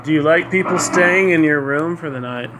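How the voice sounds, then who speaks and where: A man's voice: on the high side, normal speed, loud music behind the voice. A man casually putting short, polite questions to unseen spirits, as the host of a ghost hunt. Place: hotel room. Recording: noisy amateur recording with static hiss.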